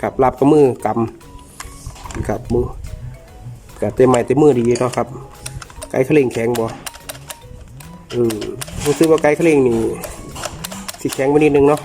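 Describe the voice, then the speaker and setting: A man's voice: mid-range voice, fairly even intonation, unhurried, pauses often, dark tone, soft background music. A man with an Isan accent, a chainsaw repairman unboxing and reviewing a saw in a chatty, joking way, talking to his viewers as brothers and sisters. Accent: Isan (Northeastern Thai). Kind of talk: casual product unboxing review.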